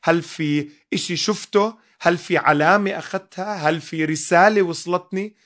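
A man teaches in sermon style and piles up rhetorical questions. He speaks emphatically in a fairly high voice. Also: normal speed, fairly bright tone.

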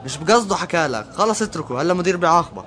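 A man playing a young teammate who tries to calm his friend down. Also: fairly high pitch, rapid-fire, some chatter behind, a little hiss or hum. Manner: calming, persuasive.

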